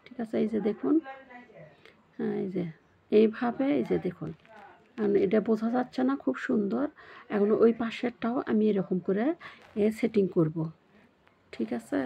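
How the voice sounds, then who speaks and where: A woman's voice: on the high side, normal speed, vocal fry, long pauses, warm tone, slightly rough, dull audio. A woman giving a casual sewing tutorial, hesitant, with many fillers and checks that the viewer follows.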